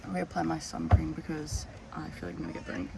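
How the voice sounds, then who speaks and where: A woman's voice: deep voice, big pitch swings, quick pace, gravelly, heavy background noise. A woman chatting casually to camera as a vlogger.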